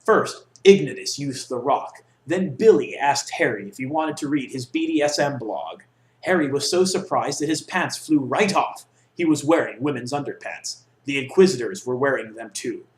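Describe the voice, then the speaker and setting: Recorded in a small dorm room with block walls, the sound bouncing off the bare surfaces, a young man performs a comic story with theatrical mock gravity. His voice is medium-pitched and expressive, moving at a moderate pace.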